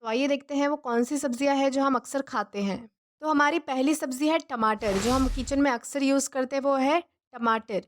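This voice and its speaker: A young woman with a high voice leads a vocabulary lesson. She asks a question, then answers it herself, repeating each word slowly and patiently. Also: slight background noise. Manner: slow, drilling pronunciation with repeated questions and answers. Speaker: English teacher. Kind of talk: spoken language lesson.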